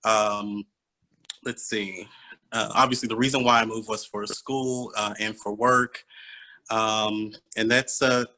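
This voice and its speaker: A man's voice: lowish voice, level tone, slow, sharp tone, poor audio. A man from Kentucky introducing himself on a video call, hesitant, with frequent fillers and self-corrections. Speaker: attorney and panel participant. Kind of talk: personal introduction in a group conversation.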